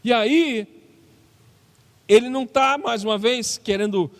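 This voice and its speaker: A man with a Brazilian Portuguese accent, a pastor preaching with passion and reading scripture slowly and with weight. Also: very high voice, big-room sound. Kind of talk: sermon. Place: church hall.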